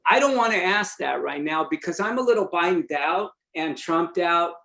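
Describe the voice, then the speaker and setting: A man's voice: a little high, lively intonation, moderate pace, vocal fry, pushed and bright. A man hosting a webinar interview, chatting and reading out audience questions. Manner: conversational, reads audience questions. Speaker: webinar host.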